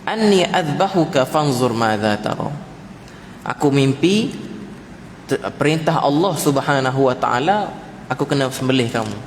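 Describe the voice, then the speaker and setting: Malaysian Malay preacher in an echoey mosque hall. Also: male voice, moderate pace, a little hiss or hum. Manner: jokey, animated, mimics greetings in high voices; repeatedly addresses audience as tuan-tuan. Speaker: mosque lecturer. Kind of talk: mosque lecture.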